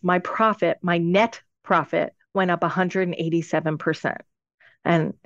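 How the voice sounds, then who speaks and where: A fairly low-pitched woman, heard as a podcast guest and business adviser, explains things step by step in a conversational yet emphatic way. The audio is dull and lo-fi, with no echo.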